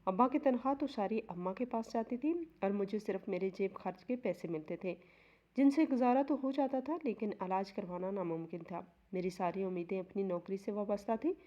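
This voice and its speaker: A woman's voice: medium pitch, fairly quick. A woman telling an emotional first-person story as scripted narration, earnest in manner, in a slightly muffled recording.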